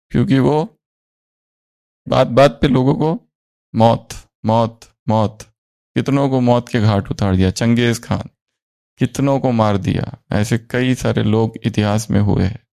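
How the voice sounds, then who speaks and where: A man's voice: medium pitch, measured pace, vocal fry, mellow. A man leading a spiritual study class, quizzing the group with questions and repeating their answers.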